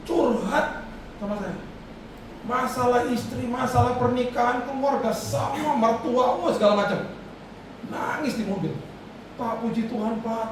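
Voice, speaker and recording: A man preaching a storytelling sermon, animated and acting out the voices of people in his story. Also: extremely high pitch. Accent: Indonesian. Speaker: pastor. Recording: echoey hall, far-off mic, noisy.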